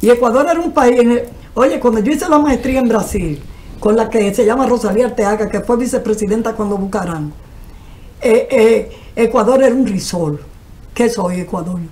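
A woman's voice: on the high side, normal speed, darkish tone. Older Dominican woman discussing earnestly. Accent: Dominican Spanish. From Dominican Republic. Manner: earnest, gesturing, speaks in long explanatory runs. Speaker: guest, cultural manager. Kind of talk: TV panel discussion. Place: TV studio. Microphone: desk microphone.

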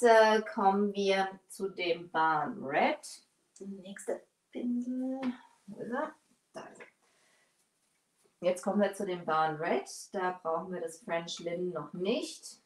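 Chatty woman painting, far from the mic. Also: medium pitch. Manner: chatty, bent over her work while talking. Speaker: furniture painting host. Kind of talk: live painting tutorial. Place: small workshop studio, indoors. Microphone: far camera, no mic seen. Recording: echoey room, voice off-mic.

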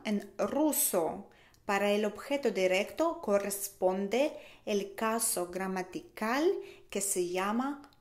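A woman teaching a language lesson, slowly repeating each phrase for learners to copy. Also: medium pitch.

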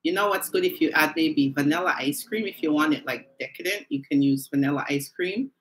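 Woman on a home live stream, kinda low voice, chatty and laughing a lot, faint hiss. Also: a little fast, rough recording. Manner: chatty, addresses viewers directly, laughs often. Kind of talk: casual live-stream chat. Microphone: phone or camera mic on a live stream.

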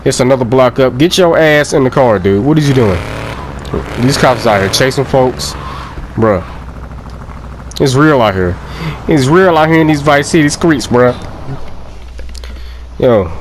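A young man doing loose let's play commentary, cursing and cracking jokes as he plays. His voice is expressive and jumps around in pitch, with a faint game noise in the background. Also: a little slow, pauses often. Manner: loud, profane, jokey, laughs often. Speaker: gameplay commentator.

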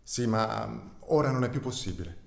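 A man's voice: mid-range voice, a little fast, vocal fry, natural voice. A man doing a weary old rat. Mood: regretful. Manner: hesitant, heavy-hearted. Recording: roomy echo.

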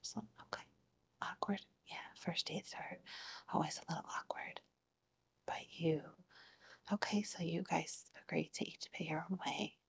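A woman's voice: low voice, steady tone, normal speed. Whispering woman in a soothing therapist role-play. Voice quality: breathy whisper. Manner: soothing, encouraging therapist manner. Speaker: ASMR performer playing a therapist. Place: living room at home, seated on a couch.

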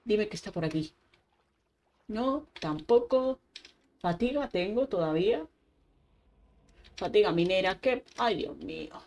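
A young woman talks her way through a Minecraft session at an unhurried pace. She chats to herself with frequent exclamations. Faint keyboard typing and mouse clicks sit behind her voice. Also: mid-range voice, lively intonation, a little mellow, slight background noise. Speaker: gaming YouTuber. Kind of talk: casual Minecraft gameplay commentary.

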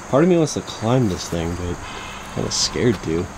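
Rambling young man filming outdoors. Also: lowish voice. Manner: loose, rambling with many "like" fillers. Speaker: vlogger exploring abandoned sites. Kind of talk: casual walk-and-talk narration. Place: outdoors in an overgrown empty lot. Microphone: handheld camera at arm's length. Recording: outdoor camera audio with clear insect noise. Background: insects and distant traffic outdoors.

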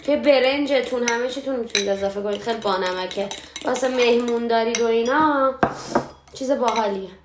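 A young woman hosting a cooking show at home, chatting casually as she explains each step. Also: a little high. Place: home kitchen. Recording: echoey kitchen, faint background noise.

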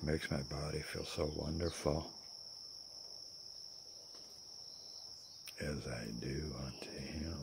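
Older man voicing a hushed hippie girl praying. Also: a bass voice, measured pace, creaky, heavy background noise, voice pushed down, exaggerated voice. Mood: prayerful. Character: dreamy young hippie woman traveler praying. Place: outdoors in a garden.

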